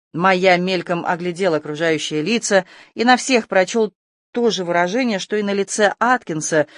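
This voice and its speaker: An audiobook narrator reading a tense adventure story with steady, scripted delivery. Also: medium pitch, no echo, studio quality.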